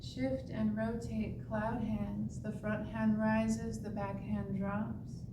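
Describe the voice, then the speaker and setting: A woman tai chi instructor giving serene, meditative movement and breathing cues with long pauses. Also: level tone. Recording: echoey, distant mic with clear rumbling noise.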